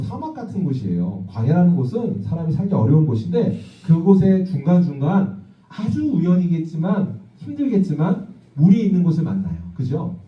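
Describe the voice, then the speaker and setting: Lively man pastor telling a children's story. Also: fairly high pitch. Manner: lively, asks the children questions and acts out voices. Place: church hall. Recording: distant, echoey, dull church recording.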